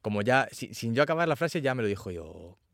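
Animated man telling a story. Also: mid-range voice, brisk, gravelly, no room sound, studio quality. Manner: animated storytelling, acts out quotes. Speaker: actor guest. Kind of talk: casual interview chat.

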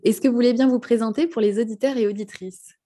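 Mellow, husky-voiced female podcast host. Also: on the high side, steady tone, fast. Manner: friendly, affirming with short replies. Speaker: podcast host, speech therapist. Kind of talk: podcast interview hosting.

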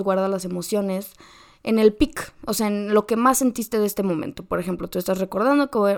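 A woman's voice: mid-range voice, darkish tone. A woman with a Mexican accent, hosting a podcast and giving direct, slangy advice straight to the listener. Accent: Mexican Spanish. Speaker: podcast host. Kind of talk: motivational advice monologue.

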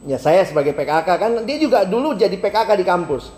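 A man preaching a sermon, acting out both sides of a phone conversation in a lively storytelling way and stretching single words for emphasis. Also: high voice. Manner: animated, acts out both sides of a phone call; emphatic, drawn-out words for stress. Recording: echoey hall with faint ambience.

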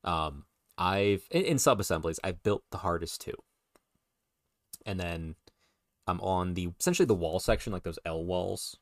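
A man co-hosting a podcast, chatting casually, rambling with restarts and quick laughs. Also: sits low, dry recording, clean studio sound. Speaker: podcast co-host. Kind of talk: casual chat.

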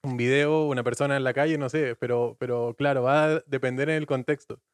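A man's voice: medium pitch, steady tone, a little fast, no room sound. A man in his twenties with a Chilean accent, a guest explaining slang in casual chat with playful examples. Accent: Chilean Spanish. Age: 20s.

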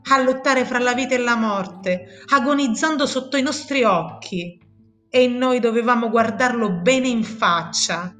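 A woman giving a solemn literary reading in a grave, measured voice with slow pauses. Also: mid-range voice. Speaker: reader. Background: soft instrumental music.

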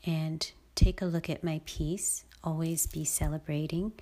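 A woman with a slightly low voice speaks at a very unhurried pace, as if hosting an intimate podcast. Her delivery is breathy, often sinking almost to a whisper, and she muses effusively without a script. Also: fairly even intonation, dark tone. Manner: slow, musing, effusive. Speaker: podcast host. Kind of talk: intimate, unscripted podcast monologue.

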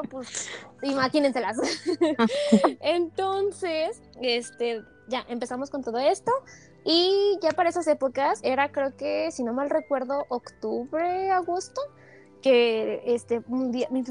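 A young woman co-hosting a podcast, telling a story in a casual, animated and dramatic way. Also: high voice. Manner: excitable, animated, dramatic retelling with laughs. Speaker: podcast co-host. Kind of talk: casual chat, personal storytelling.

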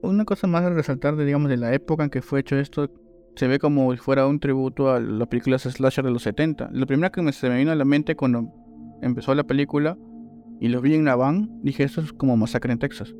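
A man with a medium-pitched voice chats casually about a horror film at a quick pace, relaxed and rambling with frequent hesitant restarts. Soft music plays in the background of this informal film review.

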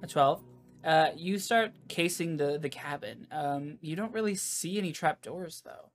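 A woman's voice: deep voice, a little slow. A woman casually narrating a tabletop game as its game master. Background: faint music.

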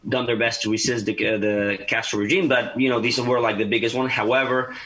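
Bright-voiced young Venezuelan man. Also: mid-range voice, fairly even intonation, a little fast, rough recording. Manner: earnest, many fillers and restarts. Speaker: guest. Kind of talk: podcast interview.

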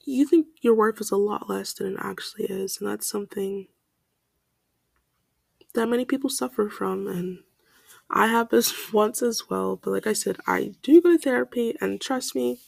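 A woman's voice: mid-range voice, moderate pace, gravelly, a little mellow, dry recording. Giggly, rambling young woman podcaster. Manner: scattered, self-deprecating, laughs often. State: stuffed-up nose. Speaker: podcast host. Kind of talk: casual rambling monologue. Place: bedroom. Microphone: home mic.

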